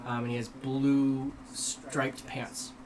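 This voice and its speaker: A man's voice: medium pitch, level tone, takes it slowly, a little hiss or hum, rough recording. A man narrating a tabletop game as game master, hesitant with many fillers. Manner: hesitant, many ums and restarts.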